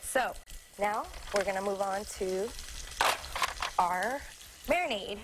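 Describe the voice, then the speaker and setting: A woman's voice: mid-range voice, takes it slowly, heavy background noise. A woman in her thirties, a guest chef, talking through a live cooking demo on a TV studio set. She is chatty and hesitant, with many fillers and restarts. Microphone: lapel mic.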